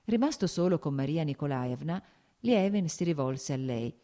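A woman narrating a classic novel in steady, measured scripted narration. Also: low voice. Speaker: audiobook narrator.

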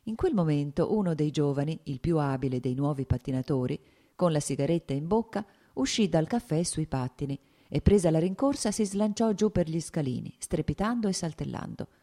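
A woman narrating a classic novel as an audiobook, in a steady, measured reading voice. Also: low-pitched.

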